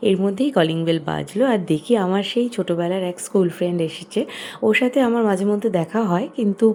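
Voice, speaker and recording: A woman in her thirties with a Bengali accent, narrating a family vlog voice-over in a soft, chatty way. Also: mid-range voice, quick pace, slight background noise. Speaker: vlogger mother.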